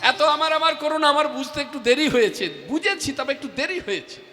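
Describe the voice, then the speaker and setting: A man's voice: extremely high pitch, expressive, fairly quick, sharp tone. A man preaching a devotional sermon, emphatic and impassioned, breaking into chanted refrains. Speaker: kirtan singer and preacher. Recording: echoey hall with faint music.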